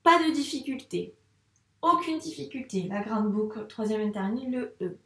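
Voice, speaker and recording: Patient teacher lady walking kids thru handwriting, slightly high voice, roomy echo. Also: lively intonation, fairly bright tone, far from the mic. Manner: slow, patient, syllable-by-syllable dictation. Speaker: primary school teacher. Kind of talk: handwriting lesson for children.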